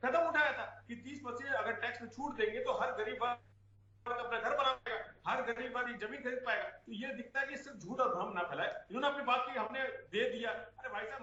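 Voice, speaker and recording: A man arguing hard in a political debate over a remote link whose audio echoes. He talks fast and insistently and keeps going over the moderator. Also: extremely high pitch, pushed and bright. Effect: echoing remote audio link, his voice reverberating. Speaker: opposition party spokesman on a debate panel. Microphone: remote call audio. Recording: echoey, muffled remote line.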